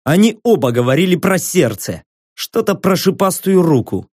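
A man reading a first-person story aloud in a slow, deliberate, grim way. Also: high-pitched, very animated, a little mellow, dry recording, clean studio sound. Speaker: audiobook narrator. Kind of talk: first-person fiction narration.

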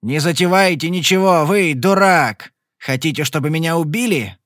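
A man's voice: high-pitched, expressive, moderate pace, a bit bright, no echo, clean studio sound, pitched above the performer's own voice. A man voicing a nervous, blustering gambler in an audiobook, agitated and pleading. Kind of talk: audiobook character voice.

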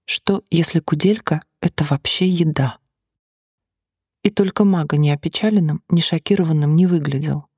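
An audiobook narrator reading a novel in an even, measured way. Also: mid-range voice, husky, no echo, studio quality.

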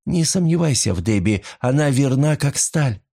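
A man's voice: mid-range voice, lively intonation, moderate pace, warm tone, voice pushed up. A man voicing a devoted young daughter. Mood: pleading. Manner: earnest, pleading.

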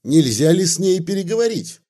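A man's voice: sits high, big pitch swings, fairly quick, dark tone, voice pushed up. A man doing a fawning stout village peasant. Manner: obsequious, folksy rustic speech.

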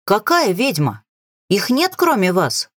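A woman's voice: mid-range voice, huge pitch swings, takes it slowly, fairly bright tone, no room sound, studio quality, heavily acted. Woman playing a cheeky persistent young mage. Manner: playful teasing, dashing grin in the voice.

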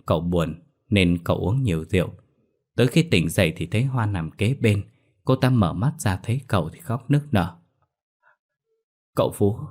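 A man narrating a ghost story in a steady, dramatic way. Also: sits low.

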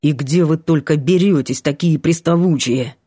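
A woman reading an audiobook, voicing a rude, gruff young male student who talks brusquely and threatens. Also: low-pitched, normal speed, mellow, dry recording, studio quality, voice pushed down. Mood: irritated.

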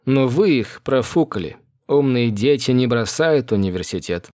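A man voicing a cold, sharp-tongued woman who drawls each word dryly in an audiobook. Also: mid-range voice, lively intonation, dry recording, close to an everyday voice. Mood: cutting. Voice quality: dry, measured drawl.

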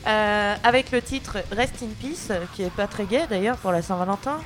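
Sex: woman. Role: rock radio co-host. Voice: mid-pitched. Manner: wry and teasing. Behind: music. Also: normal speed. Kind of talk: casual radio banter.

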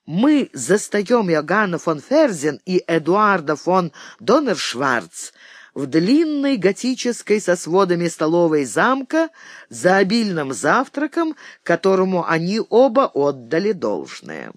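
Brief: male audiobook reader, high and lively pitch, dry close recording. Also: a little slow, dry recording. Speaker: audiobook narrator. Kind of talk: scripted narration of a historical novel.

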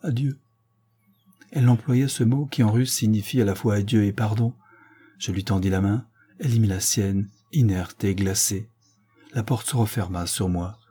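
A man reading a classic novella aloud as first-person narration, measured and sombre. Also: lowish voice, mellow, slightly rough. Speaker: audiobook reader.

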